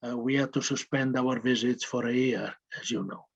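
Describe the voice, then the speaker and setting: A man presenting a university program in a webinar, measured and formal. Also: mid-range voice, fairly even intonation, creaky, breathy edge. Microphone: video call. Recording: dull video-call audio.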